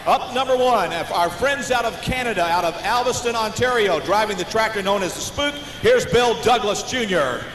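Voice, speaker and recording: High-pitched American tractor pull announcer, echoing arena. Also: male voice, animated. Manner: showy tractor pull announcer delivery, drawn-out names. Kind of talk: live arena announcing, introducing competitors. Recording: noisy, echoing arena PA with long reverb.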